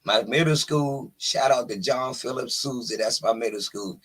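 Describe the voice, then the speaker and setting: A man's voice: mid-range voice, moderate pace, fairly bright tone, husky. A man, a laid-back guest talking over a video call. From Washington, DC.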